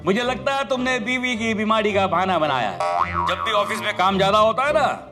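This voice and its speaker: An actor playing a suspicious, sly office boss in a sitcom, drawling sarcastically and mixing in English. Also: male voice, sits high, expressive, brisk, over music. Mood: accusing. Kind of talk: sitcom acting.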